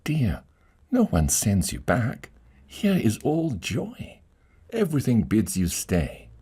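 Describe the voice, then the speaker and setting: A man voicing a gentle, loving woman who pleads earnestly and urgently. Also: fairly low pitch, wildly swooping pitch, slow pace, husky, pitched above the performer's own voice, full character voice. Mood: tender. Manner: earnest, imploring.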